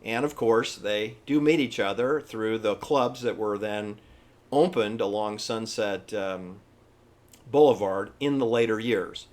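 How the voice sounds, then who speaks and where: A man giving informal, opinionated history commentary in an emphatic, halting, repetitive manner. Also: fairly low pitch, a little mellow. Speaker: presenter. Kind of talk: informal conspiracy-history commentary over pictures.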